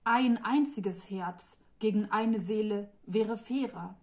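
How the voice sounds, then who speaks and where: A woman's voice: mid-range voice, takes it slowly. A woman reading the part of a timid young dragon woman with a thin, hesitant voice. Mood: pleading.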